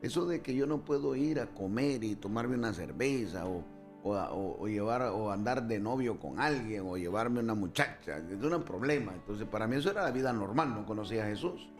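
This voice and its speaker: A man's voice: on the low side, fairly quick, faint music behind. Honduran man telling his testimony. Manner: storytelling, relaxed, with asides and fillers. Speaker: guest pastor. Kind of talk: personal testimony in an interview.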